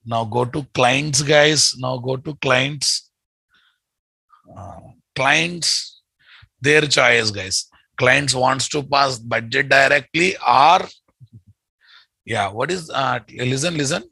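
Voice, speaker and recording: Telugu-accented male instructor, creaky bright voice. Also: medium pitch, takes it slowly, pauses often, no echo, low-quality recording. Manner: repeats phrases, addresses students familiarly with questions. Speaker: programming instructor. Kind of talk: live online coding lesson with students. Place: indoor room at a computer.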